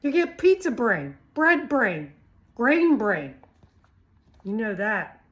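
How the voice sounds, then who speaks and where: A middle-aged woman who vlogs about health gives an informal, chatty talk, blunt and teasing, peppering the listener with rhetorical questions. Her voice is fairly high and sing-song, and she speaks slowly.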